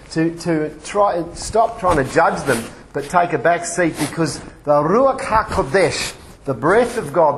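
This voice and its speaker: A man preaching in a lecture-like way, halting and discursive, often correcting himself as he goes. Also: fairly high pitch. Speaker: preacher giving a teaching. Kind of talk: sermon-like lecture with quotations read out. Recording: clearly noisy recording with clicks.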